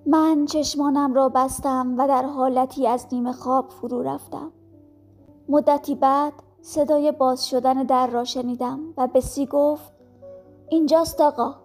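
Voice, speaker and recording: A woman reading a classic novel aloud as an audiobook, calm and measured. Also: sits high, faint music behind. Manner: calm, measured storytelling with quoted dialogue. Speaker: audiobook narrator. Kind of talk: scripted narration of a classic novel.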